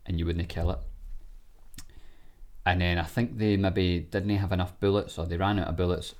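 A man's voice: sits low, fairly even intonation, moderate pace, darkish tone. A man with a Glasgow street accent chatting casually and telling anecdotes in blunt, sweary language. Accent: Glaswegian Scottish.

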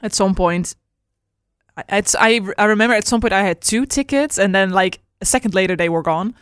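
A woman's voice: medium pitch, a little fast, clear, resonant tone, no room sound. A woman hosting a casual podcast chat, recorded close in a dry, deadened room. She tells stories with animation, acting out quotes as she goes. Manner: animated storytelling, acts out quotes with laughs. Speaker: podcast host. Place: studio.

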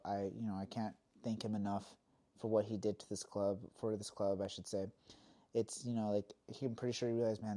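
A man's voice: fairly low pitch, warm tone. A young man co-hosting a casual sports podcast, talking in loose rambling sentences full of "like" and laughing often. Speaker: podcast co-host.

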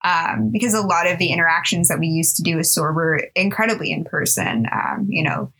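Young female interviewee, twenties, sorority president; slightly low, bright voice, upbeat and chatty. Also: fairly quick, creaky, breathy edge. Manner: chatty, many ums, upbeat. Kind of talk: recorded interview answers.

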